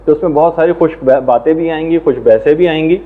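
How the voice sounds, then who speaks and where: A man teaching a religious lesson in a measured, explanatory way, now and then reciting Arabic prayers and verses. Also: fairly high pitch. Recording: tinny phone-like sound.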